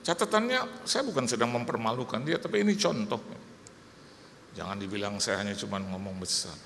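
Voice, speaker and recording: A middle-aged man, a pastor, preaching a sermon in church, telling stories and acting out soft-spoken quotes of himself and his wife. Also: lowish voice, fairly quick, gravelly, in a large hall, slight background noise. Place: church service.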